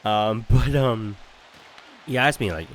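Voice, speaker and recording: A man's voice: on the low side, takes it slowly, slight background noise. A young man from Canada giving casual gameplay commentary as a YouTuber, chatty and drifting off on rambling tangents. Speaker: gaming YouTuber.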